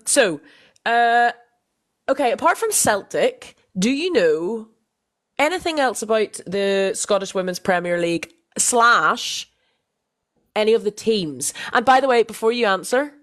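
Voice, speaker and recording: A woman's voice: a little high, lively intonation, unhurried. A young woman co-hosting a casual podcast chat, playful and self-mocking, often restarting her sentences. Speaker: podcast co-host.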